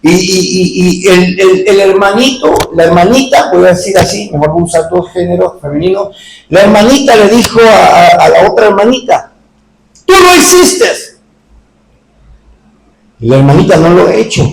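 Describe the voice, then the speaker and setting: A middle-aged man preaching a sermon in a church, moving between quiet talk and shouting. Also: high-pitched, brisk, creaky, echoey room, distant mic, slight background noise, rough recording. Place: church hall.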